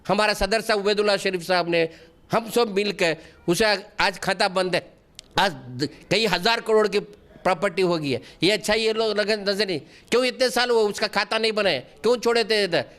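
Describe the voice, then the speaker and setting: A man's voice: high voice, normal speed, a bit bright. A middle-aged man, answering interview questions earnestly and defensively, often restarting his sentences. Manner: defensive and pleading. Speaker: wakf board member being interviewed.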